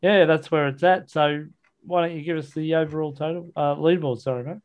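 A man's voice: fairly high pitch, steady tone, a little fast, lo-fi sound. Blokey Australian man hosting casual footy chat. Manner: blokey, matey, colloquial. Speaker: sports podcast host. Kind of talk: casual football chat, match review.

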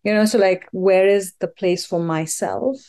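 A woman from India shares her life story as a guest, speaking earnestly and reflectively. Her voice is soft and mellow, at a middling pitch, and her speech is full of "like" fillers. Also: fairly even intonation, unhurried.

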